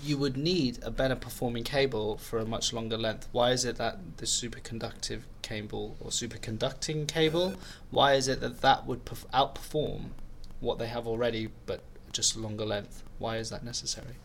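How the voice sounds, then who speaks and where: An interviewer presses with curious follow-up questions in a gravelly, creaky voice. The pitch sits in a plain middle range. Faint background hiss. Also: normal speed, hardly any pauses.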